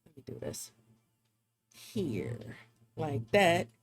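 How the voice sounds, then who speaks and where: A woman's voice: low-pitched, very animated, drawn-out words, slightly rough, faint music behind. A woman hosting a live drawing stream, chatting casually and laughing often as she thinks aloud. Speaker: livestream art host.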